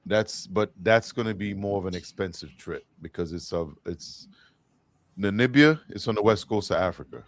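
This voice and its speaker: A man's voice: lowish voice, moderate pace, no room sound. A man co-hosting a casual panel chat, laid-back and reflective. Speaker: co-host of a panel show.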